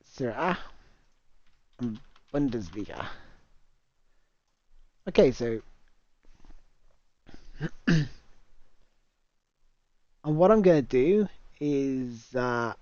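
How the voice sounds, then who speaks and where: On a new cheap microphone, a livestream host chats through a casual game session, reading out viewer comments and laughing easily. His mid-range, darkish voice is very animated yet extremely slow, with long pauses. The audio is dull, dry lo-fi, with no room sound.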